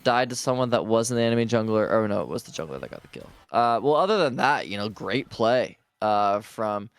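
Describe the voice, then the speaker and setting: A man's voice: on the low side, lively intonation, brisk, clear, resonant tone. Sarcastic casual male esports co-caster. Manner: sarcastic, casual, says "bro" a lot. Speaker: esports color commentator. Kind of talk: live game commentary.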